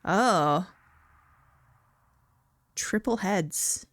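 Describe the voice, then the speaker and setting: A woman's voice: on the low side, expressive, extremely slow, a bit bright, dry recording. A woman giving emotional, reactive let's play commentary as she plays. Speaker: game streamer.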